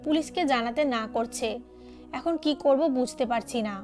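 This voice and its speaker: A woman's voice: high-pitched, normal speed, a little mellow, faint music behind, close to an everyday voice. Woman voicing Nila, a worried young woman. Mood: anxious. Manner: anxious, pleading.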